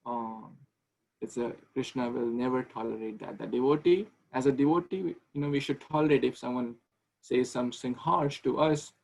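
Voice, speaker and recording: A man's voice: mid-range voice, normal speed, creaky, a little mellow, a little hiss or hum, low-quality recording. A man in his thirties giving a conversational online devotional class over a video call, with frequent restarts. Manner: conversational, repeats and restarts words, asks questions. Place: small room indoors with ceiling fan. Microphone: video call webcam.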